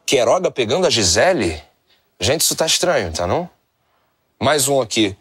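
A Brazilian man in his twenties presenting a comedy show informally, animated and colloquial. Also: mid-range voice, moderate pace, husky, no echo, studio quality. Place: small TV studio lounge set.

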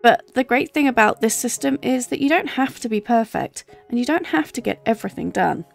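A woman vlogger narrating her kitchen cleaning in a gentle, chatty, explanatory voice-over. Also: fairly high pitch, lively intonation, fairly quick, gravelly, faint music behind. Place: home kitchen.

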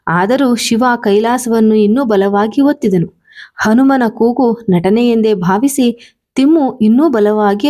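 A woman reading a humorous memoir-style story aloud in a lively storytelling manner. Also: a little high. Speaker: audiobook reader.

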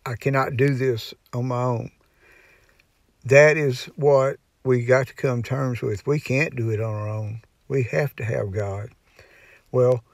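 A man's voice: mid-range voice, no room sound. Folksy rambling man preaching a Bible lesson. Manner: folksy, rambling, full of "you know" and restarts. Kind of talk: informal Bible teaching.

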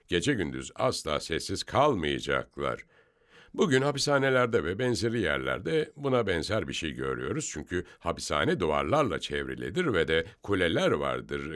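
Deep-voiced man teaching scripture, lively. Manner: explanatory and emphatic, teaching step by step. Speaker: Bible teacher. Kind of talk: scripture study discussion.

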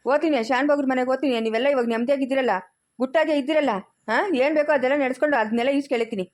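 A scheming, murderous village uncle snaps back with threats at everyone who accuses him. A woman plays him, her voice high and her words tumbling out very fast. It sounds like a home-made family drama. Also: fairly even intonation, lightly acted. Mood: threatening. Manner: defiant, threatening. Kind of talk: amateur family drama acting.

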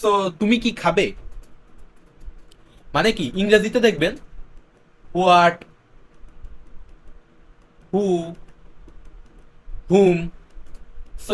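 A man teaching a grammar lesson. He explains step by step, slips English words in, and repeats his example sentences slowly. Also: sits high.

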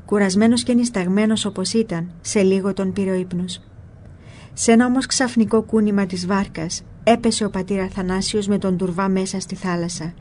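Calm woman reading a spiritual book. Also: medium pitch, a little hiss or hum. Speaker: narrator.

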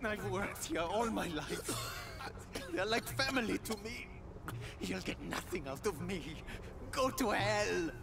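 A man's voice: high-pitched, lively intonation, slow, vocal fry, very noisy, full character voice. An actor playing a loyal old male gardener in a video game, pleading and then defiant.

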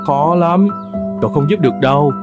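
This animated folk tale features a man voicing a despondent old male horse who has been cast out despite his loyalty. The delivery is resigned and plaintive, in a fairly high, natural voice at normal speed, over background music.

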